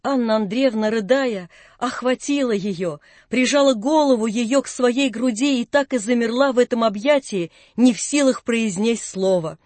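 Soft, measured audiobook narrator. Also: mid-range voice, no room sound. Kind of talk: audiobook reading of classic prose.

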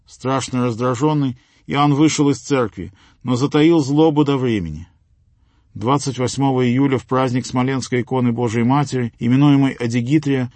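A man's voice: medium pitch, darkish tone, no room sound. Solemn man narrating, dry close sound. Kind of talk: scripted narration of a saint's life.

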